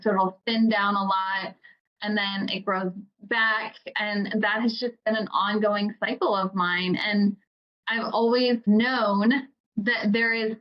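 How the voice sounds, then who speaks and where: Woman podcast host, earnest and halting, casual chat, muffled lo-fi sound. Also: medium pitch. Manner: earnest, halting with restarts and fillers.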